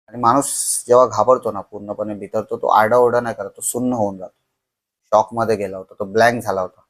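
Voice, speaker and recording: A young man telling a horror story on a podcast, slow and dramatic, dropping to a hush at tense moments. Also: medium pitch.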